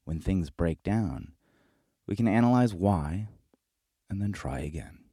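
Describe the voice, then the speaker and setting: A man narrates a scripted video essay in a low, husky voice. His delivery is measured and reflective. The recording is dry and close. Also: expressive, dark tone, no echo.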